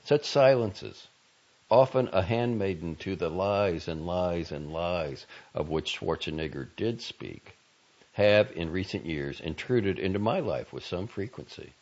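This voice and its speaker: A man narrating a magazine article in a slow, deliberate, grave manner. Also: deep voice, a little mellow, highs cut off. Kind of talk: measured audio article narration.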